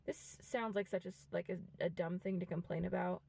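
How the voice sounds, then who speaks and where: A woman in her twenties talking frankly and reflectively to a camera, with many pauses. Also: lowish voice, steady tone, gravelly, warm tone, no echo. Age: 20s. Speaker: vlogger. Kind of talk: candid personal monologue to camera. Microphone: camera mic.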